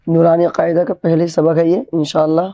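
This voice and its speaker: A woman teacher leads a beginner alphabet lesson, saying each letter slowly and again, patiently explaining how to place the tongue and round the mouth. Her voice is mellow and soft-edged, heard close and dry. The recording sounds dull and lo-fi. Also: low voice, little pitch movement, dry recording.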